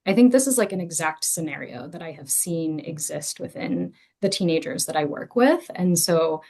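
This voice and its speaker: Woman with a lowish voice, casual and hesitant, commenting on a video. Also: expressive, moderate pace, a little mellow. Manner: chatty, hesitant, many likes and ums. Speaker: guest commentator who works with teenagers. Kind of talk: casual spoken feedback.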